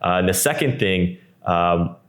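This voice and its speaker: A low-voiced man in his twenties speaks at a measured pace as a podcast host. He comes across as easygoing and friendly, leaning on lots of "uh" fillers.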